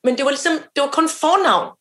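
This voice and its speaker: A woman's voice: high voice, reverberant. A woman co-hosting a podcast, telling a story in casual chat and acting out the voices of people in it. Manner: animated storyteller, acts out quoted voices, laughs often. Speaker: podcast co-host.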